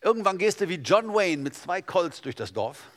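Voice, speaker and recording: A man's voice: sits high, normal speed. Preaching man in a reverberant hall. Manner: lively preaching, swings from loud to hushed. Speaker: pastor. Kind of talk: sermon. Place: church hall.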